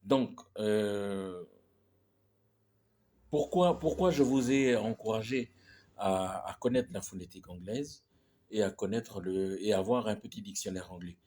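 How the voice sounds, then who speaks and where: A man teaches English pronunciation in French, in a loose, halting way, circling back and restarting his sentences. His voice sits a little low and sounds husky. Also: darkish tone. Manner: repetitive, halting, with many restarts and "hein", "ok?". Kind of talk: casual spoken lesson.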